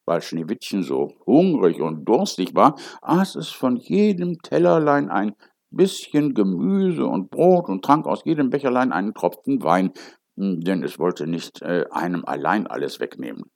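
A man reading a fairy tale aloud as a storyteller, with an expressive, lively delivery. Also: lowish voice, unhurried, dry recording, studio quality.

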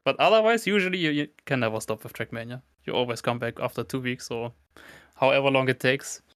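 A man on a podcast with a mid-pitched voice, chatting loosely and tossing in joking asides. His voice comes through dry and close, with no room sound. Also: fast talker, fairly bright tone, clear, resonant tone, no echo. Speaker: podcast co-host. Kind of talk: casual podcast chat.

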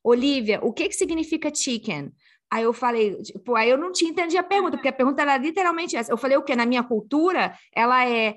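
A woman's voice: sits high, animated, rapid-fire, hardly any pauses, a bit bright. A middle-aged woman, co-hosting a casual podcast chat and acting out quoted dialogue as she tells a story. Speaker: podcast co-host. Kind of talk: casual chat among friends.

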